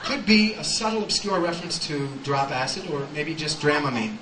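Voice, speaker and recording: On a club stage, a comedian plays a pompous male professor, lecturing a class in a pedantic, mock-scholarly manner. His natural voice sits on the high side and moves at normal speed. The live recording is echoey and distant, with music present.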